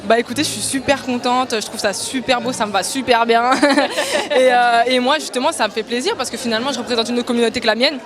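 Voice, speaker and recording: A woman's voice: fairly high pitch, quick pace. A woman model at a fashion show, speaking cheerfully and enthusiastically. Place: outdoor fashion event. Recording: music and crowd behind.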